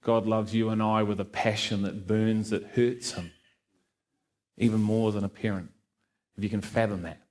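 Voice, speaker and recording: A man's voice: fairly low pitch, fairly even intonation, normal speed, darkish tone. Earnest middle-aged Liverpudlian man. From Liverpool, England. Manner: earnest, heartfelt, with light asides to the congregation. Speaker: guest speaker giving testimony. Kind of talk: church testimony.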